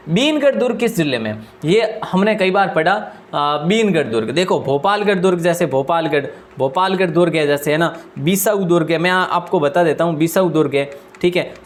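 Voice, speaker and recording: Fast-talking man quizzing his students. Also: high voice. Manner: asks questions aloud and answers them himself; deliberately speaks fast. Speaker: quiz teacher. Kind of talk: exam-prep quiz lesson.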